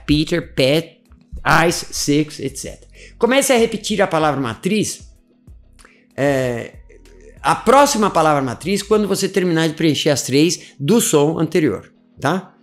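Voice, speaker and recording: A man teaching a casual video lesson, animated and repetitive, checking in often with his listeners. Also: on the high side. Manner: animated, repeats words, frequent "tá?" check-ins. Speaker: English teacher.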